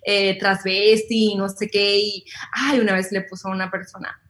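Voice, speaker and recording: A young woman with a Mexican accent, an interview guest who tells lively stories, acting out what others said and laughing often. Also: mid-range voice, normal speed. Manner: animated storyteller, acts out quotes, laughs often. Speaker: interview guest, content creator. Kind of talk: casual interview chat.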